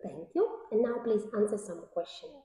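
A woman's voice: medium pitch, sing-song, moderate pace, warm tone. A young adult woman teacher speaks to a young child in simple, patient language, giving short prompts and questions one-to-one. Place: small indoor classroom. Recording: echoey room, slightly dull sound.

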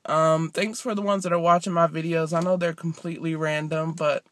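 Brief: young woman, casual vlogger on a phone outside, animated storyteller, close dry sound. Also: low-pitched, fairly quick, no echo. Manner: animated, acts out other people's lines. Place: outdoors near an apartment. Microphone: phone held by speaker.

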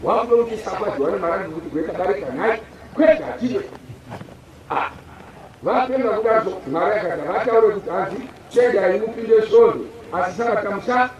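A man preaching outdoors in a quick, high-pitched voice, working the crowd with call-and-response. The sound is echoey and distant, picked up by a far-off camera in an open field. His delivery is rapid and urgent. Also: expressive, muffled recording, background noise. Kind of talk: open-air sermon.

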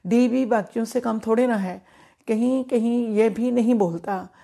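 A middle-aged woman, an English teacher who was once a principal, gives a pronunciation lesson in Hindi, lingering over every word. Her voice is warm, mellow, a little high and gravelly, and she speaks slowly and deliberately, repeating each example so it sticks.

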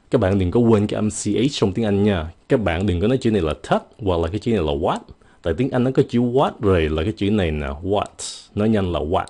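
A man with a low, mellow voice teaches English pronunciation in a relaxed video lesson. His first language is Vietnamese, and he draws each model word out slowly so it can be copied. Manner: slow, drawn-out model words.

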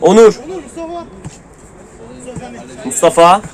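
A man with a high voice commentates a local football match live, snapping out player names and quick calls. A faint crowd murmurs behind him at an outdoor pitch. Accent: Turkish.

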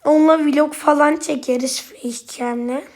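A woman giving casual gameplay commentary, quick to anger and swearing at opponents, then chatting directly to her viewers. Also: high-pitched, steady tone, darkish tone. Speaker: gaming YouTuber.

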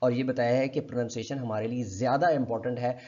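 Speaking with a Pakistani accent, this man from Pakistan gives an online English pronunciation lesson in a courteous, formal way. He explains with patience and says every word slowly over and over, his medium-pitched voice steady and darkish, captured in dull audio.

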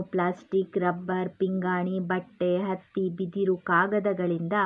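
Slow woman teacher, tinny phone sound. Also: fairly low pitch. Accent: Kannada, Karnataka. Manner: reads a line, then restates it in loose colloquial speech. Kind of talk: reading a lesson aloud and explaining it.

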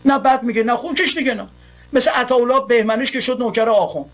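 A man's voice: very high voice, a bit bright. A man from Iran hosting a show, delivering an impassioned political monologue full of repeated rhetorical lines. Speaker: host.

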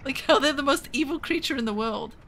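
A woman from Canada in her thirties, streaming a game and chatting casually with viewers, excitable and jumping between topics. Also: sits high, brisk, slight background noise. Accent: Western Canadian. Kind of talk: casual livestream chat with viewers.

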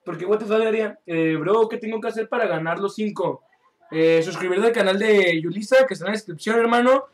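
Young guy, high voice, game streamer, banters with chat and yells during play. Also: brisk. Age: young adult. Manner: chatty, joking, reads chat aloud and calls out mid-game. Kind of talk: live gameplay stream chat.

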